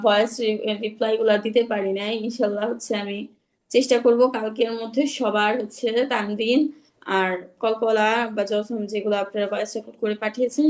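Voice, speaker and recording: A woman's voice: on the high side, darkish tone. A young woman teaching Quran recitation rules in an online class, patient and repetitive, checking that her students follow; she is unwell. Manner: patient, repeats rules slowly, checks understanding.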